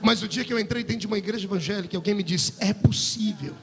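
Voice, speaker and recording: A male pastor preaching a fiery sermon, building into shouts and sing-song cries. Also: high-pitched, rapid-fire, gravelly. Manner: impassioned preaching, swelling into shouts and near-singing. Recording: music under a long hall reverb.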